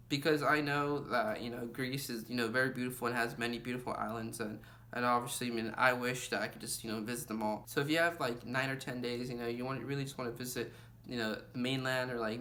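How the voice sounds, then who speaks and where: A man's voice: mid-range voice, bright, forceful tone, slight background noise. Chatty young man giving travel tips. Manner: chatty, lots of fillers like "you know" and "like". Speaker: travel vlogger. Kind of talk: casual travel tips to camera.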